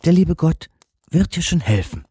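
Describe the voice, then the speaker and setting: A man voicing a meek, kind young stepdaughter in a storybook reading, speaking gently and timidly. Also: fairly high pitch, expressive, normal speed, husky, dry recording, clean studio sound, voice pushed up.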